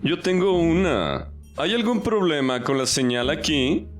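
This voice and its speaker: A man's voice: fairly high pitch, big pitch swings, a little slow, soft background music. A man voicing a clueless young male camper who earnestly asks about phone signal. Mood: puzzled.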